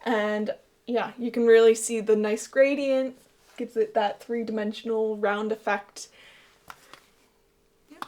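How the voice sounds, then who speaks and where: A woman's voice: a little high, steady tone, takes it slowly, long pauses, a little mellow. A woman co-hosting a podcast, explaining things in a casual, chatty way. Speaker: podcast co-host and designer.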